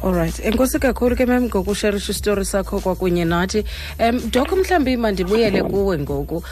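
A woman's voice: mid-range voice, expressive, fast, a little mellow, soft background music. A South African woman hosting a radio interview, putting questions to her guests. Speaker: radio host.

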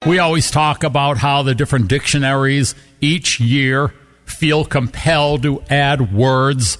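A man's voice: medium pitch, measured pace, faint music behind. A man co-hosting a radio show, chatting casually and teasing his co-host. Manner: teasing, animated. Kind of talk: casual on-air banter.

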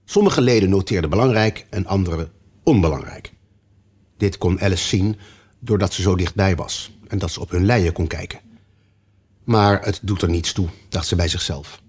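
A man narrating a storybook in an expressive, measured reading. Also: sits low, slightly rough. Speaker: audiobook narrator.

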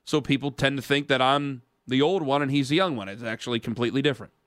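This is a man in his thirties hosting a radio sports talk show, talking fast in casual, rambling banter with self-mocking asides. His mid-range voice stays steady, captured on a studio mic with studio quality and no echo.

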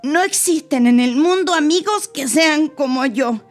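A woman doing a shy stammering little boy. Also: lively intonation. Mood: sad. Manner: high, slow and wavering with hesitant stammers. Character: shy anxious little boy in cardboard masks. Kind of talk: storybook character voice. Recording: soft music playing behind.

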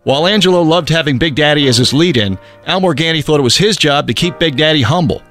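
A man's voice: on the high side, animated, fast, fairly bright tone, faint music behind. A man narrating a scripted news feature.

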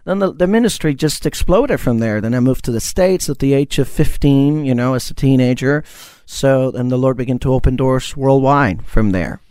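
Earnest pastor from Costa Rica. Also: male voice, medium pitch, normal speed, a little mellow, clean tone, no echo. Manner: earnest, storytelling, many fillers. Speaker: guest pastor. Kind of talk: radio interview testimony.

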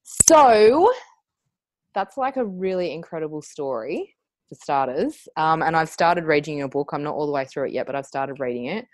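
A woman's voice: low-pitched, expressive, brisk, no room sound. An Australian woman in her thirties hosting a podcast, chatty and upbeat, introducing her guest with a few fillers and self-corrections. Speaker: podcast host.

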